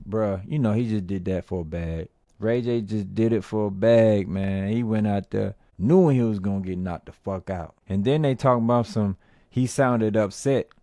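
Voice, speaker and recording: A man doing casual, rambling commentary on movies and viral fights, slangy and animated when ranting. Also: fairly low pitch, no room sound, studio quality. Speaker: movie review vlogger.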